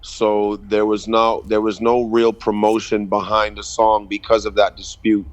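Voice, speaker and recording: A man from the Bahamas in his thirties answers interview questions in a measured way, pausing on frequent ums. His voice sits fairly low and runs flat, with little rise and fall. The tone is smooth and clean. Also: lo-fi sound. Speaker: guest reggae artist and producer. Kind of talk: casual radio interview.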